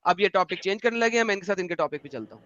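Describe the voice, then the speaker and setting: A man's voice: high-pitched, expressive, bright, forceful tone, highs cut off. A man hosting a livestream debate, impatient and sarcastic, dropping English phrases into his talk. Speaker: debate host.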